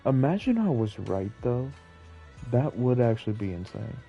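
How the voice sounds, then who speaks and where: A man streams a game while rambling casually and self-deprecatingly, musing to his viewers, with video game music behind him. His mid-range, gravelly voice is warm and sing-song at a moderate pace, and the highs are cut off.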